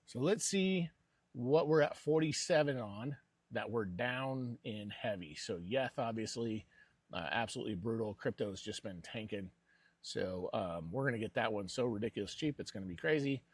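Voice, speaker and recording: A man's voice: medium pitch, expressive, moderate pace, breathy edge, no room sound. A man hosting a personal investing vlog with casual, rambling commentary.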